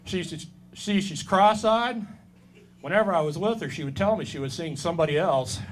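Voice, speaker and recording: A man's voice: high voice, moderate pace, heavy background noise. A man in his fifties performing a stand-up set, delivering dry, self-deprecating one-liners on a comedy club stage. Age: 50s.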